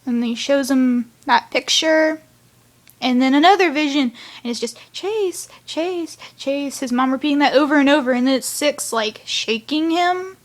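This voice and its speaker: A woman's voice: high-pitched, moderate pace. A woman rambling through a casual review of a cartoon episode, chatty, with sighs and side remarks. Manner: chatty, rambling, sighing asides.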